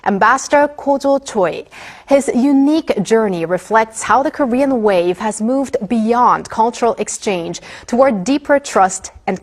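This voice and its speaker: A woman television interviewer reading a scripted introduction and asking questions in a polished, measured broadcast manner. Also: on the high side.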